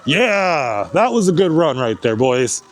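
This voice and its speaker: A man's voice: a little high, very animated, takes it slowly, heavy background noise. A man talking from inside a riding helmet with a fogging visor, tired and winded, chatting casually in slang about his ride in the cold outdoors. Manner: laid-back, slangy, calls himself "your boy". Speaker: e-bike rider and video host. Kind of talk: casual vlog chat while riding. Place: outdoors in cold winter weather.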